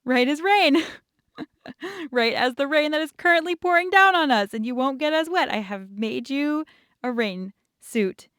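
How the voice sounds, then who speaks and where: A woman's voice: sits high, animated, a little slow, a bit bright, no echo, clean studio sound, pitched above the performer's own voice. A woman briefly voicing her proud, cheerful dad in a story.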